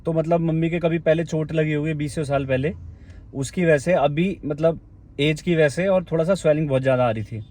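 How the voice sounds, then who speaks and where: A man's voice: on the high side, fairly quick, dark tone. A man vlogging in casual chat, talkative and coaxingly consoling his mother.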